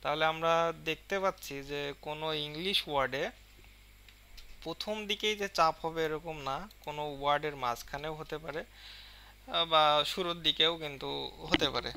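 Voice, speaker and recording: A man with a Bengali accent teaches an English lesson in a bright, crisp voice. He reads each English line slowly, then explains it in Bengali with plenty of pauses and fillers. His pitch sits a little high for a man.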